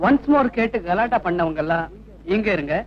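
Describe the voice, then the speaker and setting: A man's voice: sits high, lively intonation, moderate pace, lo-fi sound. An actor playing a confident young male singer who talks in a cool, teasing way. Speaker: stage singer.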